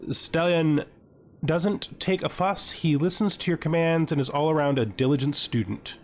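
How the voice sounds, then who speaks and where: Speaking at a moderate pace in a fairly high pitch, this male gaming host talks through his playthrough casually. He muses out loud and reads on-screen text while playing, and music plays beneath his narration.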